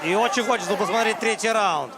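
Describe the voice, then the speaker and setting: A man's voice: sits high, fast, vocal fry, very noisy. A man giving live commentary on a mixed martial arts fight. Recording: loud crowd and music behind. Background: arena crowd and music.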